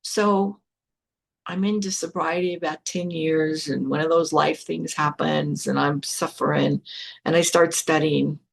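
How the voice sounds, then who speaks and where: Older lady, gravelly husky voice, talking straight and blunt about her life. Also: deep voice, steady tone, a little slow. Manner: frank and blunt, with casual swearing. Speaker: spiritual teacher hosting a podcast. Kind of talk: candid personal storytelling.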